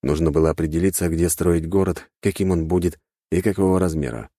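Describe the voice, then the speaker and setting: Male audiobook narrator: deep, animated, wry; close dry mic. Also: a little fast, no echo. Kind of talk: first-person audiobook narration.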